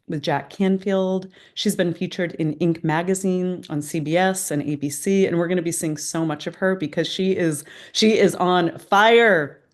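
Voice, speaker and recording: A woman's voice: fairly low pitch, a little mellow. A woman hosting an interview in an earnest, inspirational way, her speech slightly impeded by a new dental retainer. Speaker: interview host. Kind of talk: warm-up introduction and interview questions, partly scripted.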